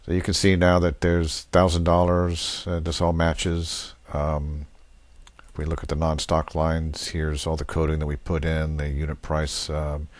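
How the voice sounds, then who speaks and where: With a rumbling low, monotone voice at a measured pace, a male demonstrator goes through software step by step on a screen recording. He sounds unscripted and matter-of-fact, and the recording has no room sound.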